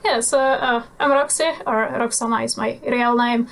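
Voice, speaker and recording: In a casual interview, a Polish woman in her twenties who travels by motorcycle chats as a guest in a slightly high voice. She sounds relaxed and nonchalant, often halting on small fillers while she gathers her thoughts.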